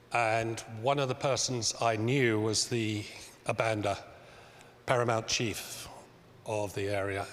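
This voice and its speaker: A man's voice: mid-range voice, a bit bright. Reflective man speaking from the floor. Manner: reflective, recounting experiences. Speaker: audience member. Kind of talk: question from the floor. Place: church. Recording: reverberant church, faint background noise.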